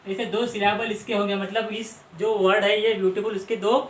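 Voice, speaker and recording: A man's voice: high-pitched, level tone, brisk. A man from Maharashtra teaching English grammar, patiently explaining and repeating word lists. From Maharashtra, India. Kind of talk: explanatory lesson. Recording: roomy with faint background noise.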